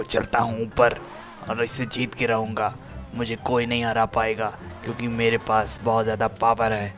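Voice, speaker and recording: A man's voice: lowish voice, natural voice. Man doing boastful tree creature Groot. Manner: boastful, self-talking. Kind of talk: game voiceover role-play.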